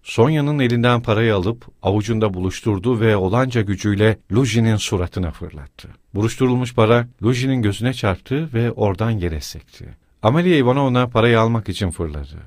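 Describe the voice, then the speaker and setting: A man reading a novel aloud as an audiobook narrator, in a dramatic, expressive manner. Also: on the low side, a little fast, hardly any pauses, no echo, studio quality. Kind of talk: scripted literary narration.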